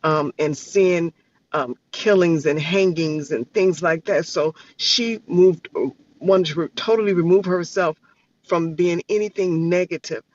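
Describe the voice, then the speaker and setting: A man's voice: a little high, a little slow. A man speaking earnestly and passionately as a guest, sometimes searching for words. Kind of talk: earnest reflective speech. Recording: dull lo-fi online audio.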